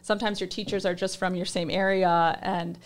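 A woman's voice: fairly low pitch, little pitch movement, brisk. A young woman talking casually in an interview, friendly and chatty.

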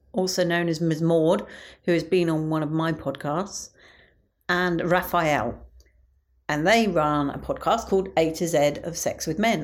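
A woman with a British accent, chatting through an audio diary as a podcast host. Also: fairly low pitch. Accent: British English.

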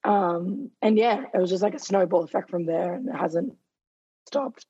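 A young woman in her twenties, appearing as a guest runner in an interview, speaks casually at a moderate pace in a fairly low, mellow, slightly rough voice as she loses her voice. She's chatty and says "like" constantly. The audio sounds dull.

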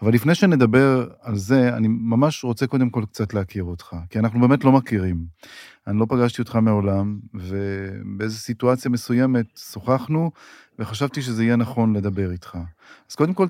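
A man's voice: medium pitch, a little mellow, dry recording, studio quality. A man with an Israeli accent, speaking as a podcast host who introduces and interviews.

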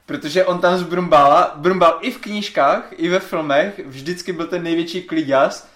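Chatty Czech man in a roomy room. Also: a little high. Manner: rambling, animated when worked up. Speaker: podcast co-host. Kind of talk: casual film chat. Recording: roomy echo.

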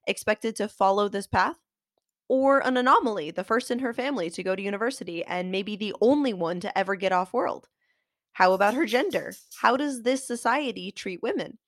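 A woman's voice: medium pitch, no echo, clean studio sound. A woman with a nasal voice, congested from a cold, hosting a scripted, articulate lesson and explaining things directly to listeners. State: getting over a cold. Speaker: host of a fiction writing show, author. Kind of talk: scripted instructional narration.

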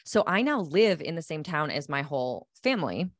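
A woman's voice: low-pitched, big pitch swings, moderate pace, no echo, clean studio sound. A speaker with a woman's voice from upstate New York, thinking aloud in a casual podcast chat with many "like"s.

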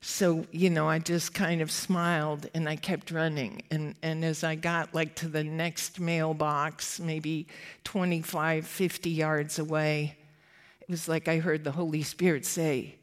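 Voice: medium pitch, flat delivery, a little slow. A ministry worker giving an update, telling a personal faith story in an earnest, reflective way.

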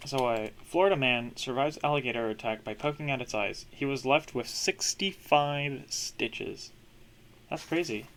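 A man's voice: mid-range voice, normal speed, fairly bright tone, slight background noise. A young man co-hosting a casual podcast, reading odd news headlines aloud in an offhand, laid-back way.

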